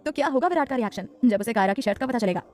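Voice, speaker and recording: A woman narrating a scripted audio drama in a brisk, dramatic way. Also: fairly high pitch, expressive, a little mellow. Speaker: storyteller.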